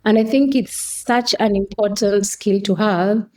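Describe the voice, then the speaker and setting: This podcast guest works for a coffee company and comes from Kenya, carrying a Kenyan accent. Her voice is mid-range, mellow and unhurried as she gives articulate explanations during a conversational interview.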